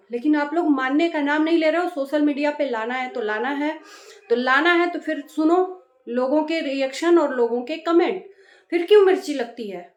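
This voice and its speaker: A woman's voice: high-pitched, reverberant. A woman vlogger giving a scolding, exasperated reaction monologue that repeats phrases for emphasis.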